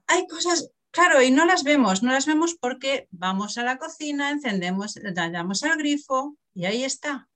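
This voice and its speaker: In a casual interview, a middle-aged author from Barcelona, Spain, tells stories with animation, acting out quotes and laughing a lot. Her voice is high-pitched, and she keeps a moderate pace with few pauses.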